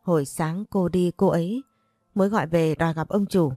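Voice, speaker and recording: A woman voicing a devoted young maid in an audio story, speaking anxiously and gently. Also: fairly low pitch, normal speed, no room sound, studio quality, soft background music, lightly acted. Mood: gentle. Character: loyal young female maid, worried and devoted.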